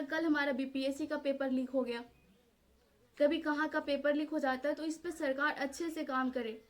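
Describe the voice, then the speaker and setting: A woman vlogger from Jharkhand, India, speaks straight to the camera in a high, light voice. She talks earnestly and pleads, pausing often on fillers as she goes. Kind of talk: casual direct-to-camera vlog.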